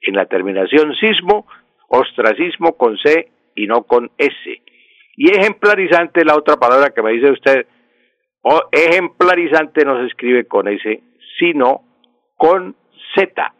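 A man who explains spelling rules on a radio call-in show, calm and repetitive, going back over his key points. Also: medium pitch, measured pace, no echo. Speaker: language expert on a radio show. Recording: dry, dull radio broadcast sound.

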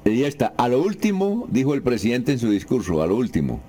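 Male radio host, mellow tone, casual, puts listener questions to a guest. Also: medium pitch, huge pitch swings, fast talker.

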